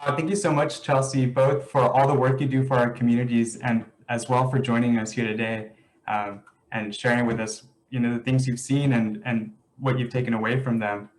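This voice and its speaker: A man's voice: medium pitch, flat delivery, normal speed, poor audio. A man hosts a virtual panel over a video call, thanking each guest and moving things along to the questions. His manner is friendly and loose, with a few fillers. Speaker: panel moderator.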